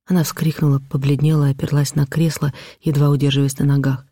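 A man narrating a literary audiobook in a measured, expressive reading style. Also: on the high side, dry recording, studio quality. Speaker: audiobook reader.

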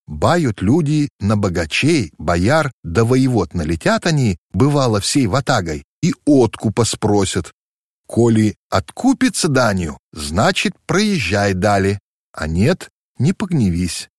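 A man voicing an eager, warm-hearted young merchant's daughter, talking in an animated folksy way in a storybook reading. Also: lowish voice, unhurried, dry recording, clean studio sound. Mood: excited.

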